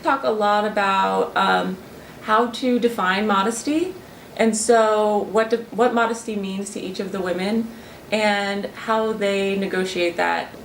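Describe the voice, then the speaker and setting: A young woman, a student researcher, describes her work in an interview, thinking aloud with plenty of fillers and restarts. Her mid-range voice is gravelly, with fairly even intonation and a measured pace. The recording sounds roomy and slightly distant, with faint ambience and a bit of background noise.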